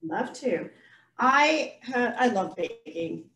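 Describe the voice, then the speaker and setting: A woman's voice: a little high, lively intonation, slow, a bit bright. A middle-aged woman walks through a baking recipe in her home kitchen, chatty and self-deprecating, often restarting her sentences. She stands well back from a laptop camera on a video call. The kitchen sounds roomy and echoey. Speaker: baking demonstrator. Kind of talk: casual cooking demonstration. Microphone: laptop camera across the room, video call. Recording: echoey kitchen, speaker far from mic.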